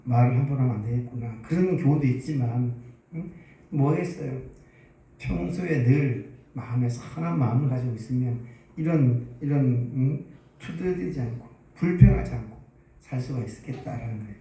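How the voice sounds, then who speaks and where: A man's voice: medium pitch, normal speed, warm tone. A male pastor telling a story in a sermon, often asking the congregation questions. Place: church sanctuary. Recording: echoey church hall, distant mic.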